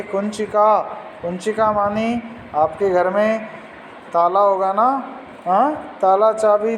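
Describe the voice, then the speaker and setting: A man's voice: high-pitched, long reverb tail, a little hiss or hum, low-quality recording. A man teaching a Sanskrit lesson, patiently explaining words and asking pupils questions.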